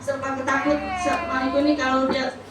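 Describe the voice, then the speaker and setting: A woman giving a soft, hesitant personal testimony at a church service, pausing often as she tells her story. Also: sits high, completely flat delivery. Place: church hall. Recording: very echoey hall, voice from far off, noisy.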